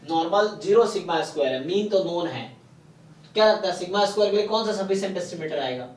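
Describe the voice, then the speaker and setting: Speaking Hindi mixed with English terms in an Indian accent, a male statistics teacher runs a live online exam-prep lecture, explaining each concept slowly and stopping frequently with checking questions. His high-pitched voice is expressive and a little mellow. The sound comes across roomy and somewhat far from the microphone.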